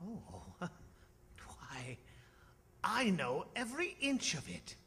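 An actor in a live staged radio drama playing a frightened, stammering old miser who pleads hesitantly. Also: male voice, high-pitched, very animated, slow, bright, forceful tone, breathy edge, in a large hall, full character voice. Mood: wondering, wistful. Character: frightened, quavering old miser Ebenezer Scrooge. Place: on a theatre stage. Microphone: stand microphone with pop filter.

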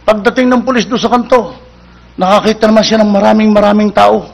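High-voiced Filipino man telling jokes. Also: fairly even intonation, quick pace, vocal fry. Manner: acts out quoted characters with raised voice. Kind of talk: comic storytelling duo routine.

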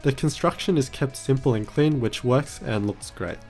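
A man narrates a product review as a voice-over. His pitch sits in the middle of the male range. He explains things in a matter-of-fact way, with music playing behind him. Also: normal speed, gravelly, darkish tone. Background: background music.

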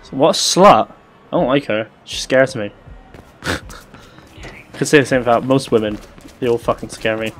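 A young man commentating his gameplay, joking and swearing with excited outbursts. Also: medium pitch, normal speed, pauses often. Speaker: gaming YouTuber. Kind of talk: let's play commentary.

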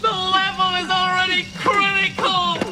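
Shrill, hammy stage-actor starship officer. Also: male voice, monotone, unhurried, heavy background noise. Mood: melodramatic alarm. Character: panicky, overacting male starship crewman and captain. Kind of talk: sci-fi parody sketch acting. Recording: loud music behind, old TV studio.

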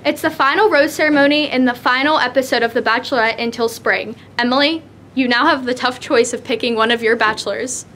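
A young woman hosting a parody dating show, with a bright presenter delivery. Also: a little high, a little fast, a little hiss or hum. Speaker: mock show host. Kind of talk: parody TV host narration.

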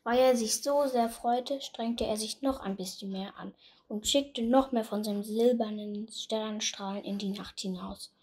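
Storyteller, female, reading a fairy tale; soft, husky tone. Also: fairly high pitch, steady tone, measured pace.

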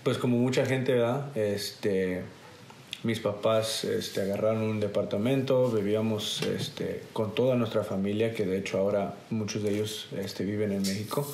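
Sitting on a couch in an indoor garage set, an American guest in his 20s shares stories from his childhood conversationally, peppered with frequent "este" fillers. He has a fairly low, gravelly, darkish voice with fairly even intonation and a moderate pace. There is reverb and a little hiss or hum.

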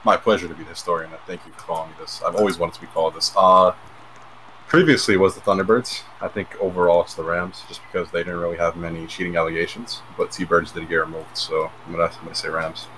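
A man's voice: low-pitched, flat delivery, fast, a bit bright, slight background noise, poor audio. A man acting as the league historian on a stream, dry and tongue-in-cheek. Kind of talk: casual livestream chat.

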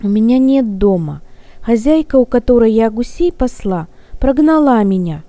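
A weepy, pleading little orphan girl from a storybook read aloud, voiced by a woman. Her voice sits high and mellow, and it is heard dry and close. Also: lively intonation, normal speed, no room sound. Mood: tearful. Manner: pleading, tearful.

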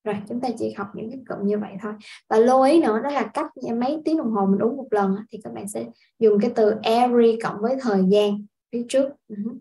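A woman from Vietnam teaching a casual language lesson, explaining step by step in an unhurried way with frequent filler sounds. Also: fairly high pitch, vocal fry, warm tone, low-quality recording. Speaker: English teacher.

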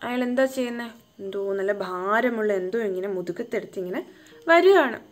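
A woman's voice: mid-range voice, fast, faint music behind. A woman teaching English phonics, sounding out words syllable by syllable and coaxing her young learners with questions. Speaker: home tuition teacher. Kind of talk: phonics lesson for children.

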